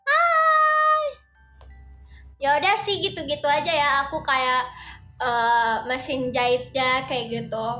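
High, bright-voiced young woman livestreaming. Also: steady tone, unhurried, roomy sound, faint music behind. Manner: chatty, greets viewers in a sing-song way. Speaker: livestream host. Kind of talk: casual livestream chat.

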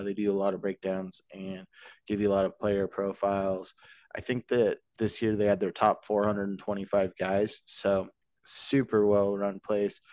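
A man hosting a casual sports podcast, talking in an animated, joking way with rambling asides. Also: on the low side, no echo. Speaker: podcast host.

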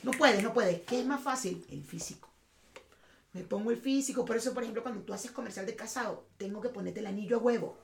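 Lively Venezuelan woman chatting. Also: medium pitch, fast talker, vocal fry, slight background noise. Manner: animated, slangy, acts out quoted voices. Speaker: podcast co-host. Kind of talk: casual chat. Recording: echoey room.

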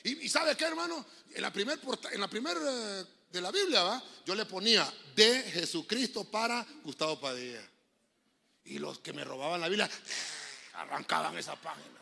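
A middle-aged Honduran man preaching with a husky, gravelly voice. His pitch sits high and swings widely, and his sound is bright and sharp as he jokes and tells stories. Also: expressive, normal speed. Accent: Honduran Spanish. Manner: joking, storytelling preacher, acts out voices. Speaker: pastor. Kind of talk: lively sermon.

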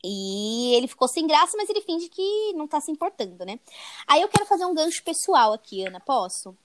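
A woman's voice: high-pitched, big pitch swings, brisk, a bit bright. A young Brazilian woman co-hosting a podcast, casually retelling a book chapter and tagging her sentences with "né?". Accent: Brazilian Portuguese. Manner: chatty, tags sentences with "né?". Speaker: podcast co-host.

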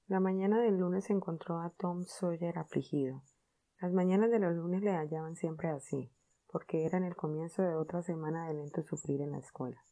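A woman narrating a classic novel as an audiobook, measured and expressive. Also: on the low side. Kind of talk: storybook reading.

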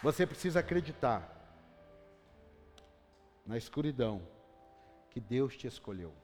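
A man with a Brazilian Portuguese accent preaching a fervent sermon, swinging from hushed tones to shouting and repeatedly calling out questions to the congregation. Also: mid-range voice, sing-song, unhurried. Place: church hall. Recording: reverberant hall with faint music.

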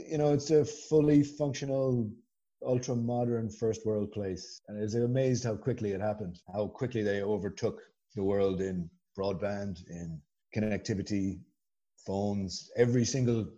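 A man with a west of Ireland accent, telling stories as a chatty, animated guest in a casual conversation. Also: medium pitch, normal speed, muffled recording. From Galway, west of Ireland. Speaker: podcast guest.

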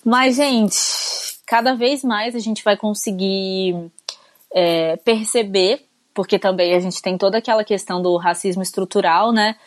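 A woman's voice: mid-range voice, fairly even intonation, unhurried, no echo. A Brazilian woman co-hosting a talk show, chatting in a casual conversational way with frequent tag questions, sounding sleepy. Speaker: co-host. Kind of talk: casual news commentary.

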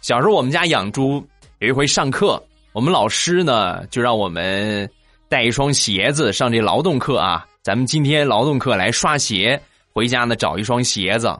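A chatty male host tells comic anecdotes at a middling pitch with a lively, animated rise and fall. He keeps laughing at his own jokes, and faint music plays under his voice. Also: normal speed, dry recording.

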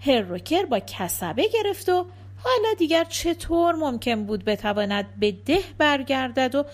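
Woman reading an audiobook, high voice that rises and falls a lot, expressive. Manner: expressive, lively storytelling. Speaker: audiobook narrator. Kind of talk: audiobook narration.

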